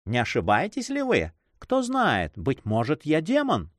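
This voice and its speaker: A sharp, playful young lady full of mockery and wit, voiced by a man. Her lines leap up and down in a lively, animated way. The reading is dry and close. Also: fairly high pitch, a little slow, no room sound, voice pushed up. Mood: teasing. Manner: mocking, laughing, lively. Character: playful teasing young noblewoman, quick-witted.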